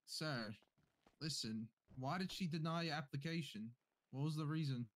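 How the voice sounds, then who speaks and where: A man playing a calm, patient police negotiator in an online role-play game, speaking politely and soothingly. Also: on the high side, moderate pace, natural voice. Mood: placating. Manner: placating, polite.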